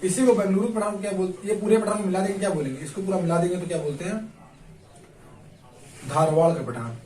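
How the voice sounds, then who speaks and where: A man's voice: high-pitched, fast talker, warm tone. A man teaching a casual map lesson, asking his students questions over and over and answering them himself. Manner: repetitive quiz-style questioning. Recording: echoey room, distant mic, faint noise.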